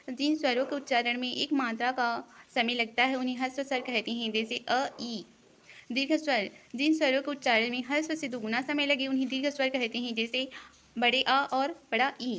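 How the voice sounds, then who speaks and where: Bright-voiced woman reading a lesson. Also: on the high side. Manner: reads definitions in a steady, deliberate teaching cadence. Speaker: teacher. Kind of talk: exam-prep lesson, read-aloud definitions.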